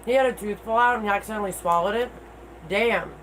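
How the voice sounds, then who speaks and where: A woman's voice: mid-range voice, quick pace, poor audio. Toothless-sounding woman chatting over background noise. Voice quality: toothless-sounding speech, missing teeth. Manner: candid, informal, mild swearing. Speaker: livestream host. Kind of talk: casual livestream chat replying to viewers.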